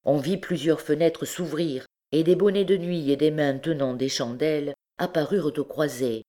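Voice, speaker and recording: A woman's voice: sits low, normal speed, dark tone. Woman reading a classic novel aloud. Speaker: audiobook reader. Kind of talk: scripted narration of a classic novel.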